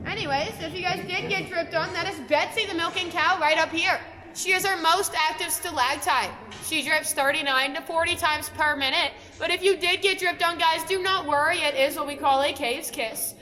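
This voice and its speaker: Bright, high-voiced woman guide in echoing cave. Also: normal speed, faint music behind. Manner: chatty, addresses the group as guys. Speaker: cave boat tour guide. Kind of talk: casual guided tour talk. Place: inside a large cave, on a boat on an underground lake. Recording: echoing cave with long reverb.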